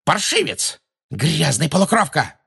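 A man's voice: unhurried, fairly bright tone, slightly rough, exaggerated voice. A man voicing a fanatical, cruel witch who hisses and shrieks in fury. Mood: shrieking fury. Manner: shrill, hissing, shrieks in fury.

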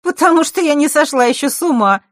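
A woman's voice: on the high side, animated, moderate pace, no room sound, studio quality, pitched above the performer's own voice. A woman voicing a proud, hot-tempered girl from a family of timekeepers, talking sharply and bossily. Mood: lively. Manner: sharp, bossy, snorting retorts.

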